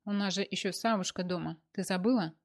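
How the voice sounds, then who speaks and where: A woman's voice: mid-range voice, fast, lightly acted. Woman doing a pushy teasing girlfriend. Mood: conspiratorial. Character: chatty bossy young woman friend.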